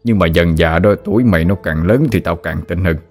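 A man's voice: deep voice, a little fast, darkish tone, soft background music. A man with a Southern Vietnamese accent voicing a grumbling old rural father who nags his son to marry. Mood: scolding. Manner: scolding, teasing.

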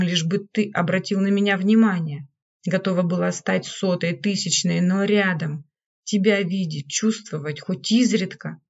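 A woman reading an audiobook, voicing a hysterical, jealous woman servant who speaks in a bitter, accusing way. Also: lowish voice. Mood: obsessive. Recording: dull lo-fi recording.

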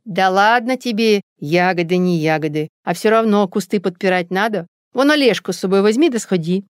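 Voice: medium pitch, moderate pace, clean tone, no echo, clean studio sound, close to an everyday voice. A reader voicing a stern, commanding village mother. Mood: scolding. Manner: commanding, insistent. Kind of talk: audiobook character voice.

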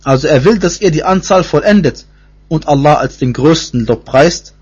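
Man, religion lesson, husky, hesitant with restarts, muffled lo-fi audio. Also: a little high, expressive, moderate pace, a little mellow. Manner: repeats himself, many fillers and restarts. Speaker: Quran teacher. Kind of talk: spoken Quran commentary lesson. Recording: dull lo-fi recording.

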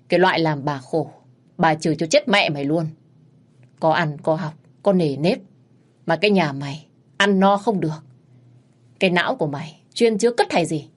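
A woman voicing a sharp-tongued young wife who curses in a shrill, sour voice. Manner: scolding, cursing loudly.

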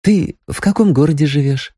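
A man's voice: a little high, normal speed, warm tone, dry recording, clean studio sound, pitched above the performer's own voice, natural voice. A man voicing a teasing, lovestruck young village woman in a raised, girlish, pleading voice. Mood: earnest, teasing.

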